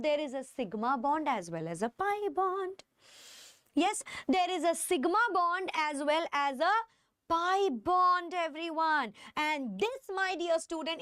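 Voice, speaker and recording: A woman's voice: sits high, fairly bright tone, dry recording, studio quality. A woman with an Indian accent teaching a live lesson as a teacher, repeating phrases and questions emphatically to check that students follow. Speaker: chemistry teacher. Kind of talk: live online lecture to students.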